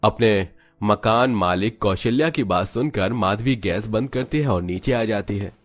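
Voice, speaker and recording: Man narrator, scripted storybook narration, lowish voice, steady delivery. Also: measured pace.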